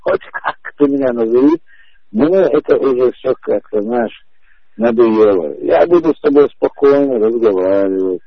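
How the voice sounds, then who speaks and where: Insistent gravelly man on a muffled phone line. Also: medium pitch, normal speed, dry recording. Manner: insistent, repetitive, calmly emphatic. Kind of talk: heated phone conversation. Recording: muffled phone-call audio.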